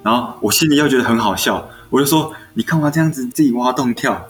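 A man's voice: medium pitch, fast. A young man in his twenties with a Taiwanese Mandarin accent, an elementary school teacher telling classroom stories in casual chat and acting out what was said. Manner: animated storyteller who acts out quoted dialogue. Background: faint background music.

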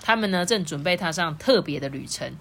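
A woman, a mother reading a children's story aloud in a playful, animated way and asking her child questions. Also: fairly low pitch, brisk, creaky.

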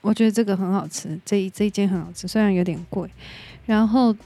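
Mellow-voiced Taiwanese woman podcaster. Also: medium pitch, fast. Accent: Taiwanese Mandarin. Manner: candid and opinionated, drops in English words. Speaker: podcast host. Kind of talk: casual solo podcast chat.

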